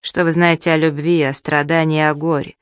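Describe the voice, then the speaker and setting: A woman's voice: deep voice, level tone, moderate pace, clear, resonant tone, dry recording, natural voice. A reader voicing a curt, sneering bearded man. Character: gruff limping bearded man, curt and mocking.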